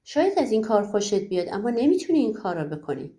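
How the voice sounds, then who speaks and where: A woman's voice: mid-range voice, sing-song, mellow, natural voice. A woman voicing a male hunter who cries out in alarm. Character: brave male hunter, frightened.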